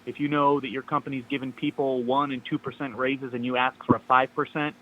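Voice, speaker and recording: On a speakerphone line, a male caller cheerfully walks through tips step by step in a relaxed conversation. He has a mid-range, level voice and speaks a little fast. There is slight background noise.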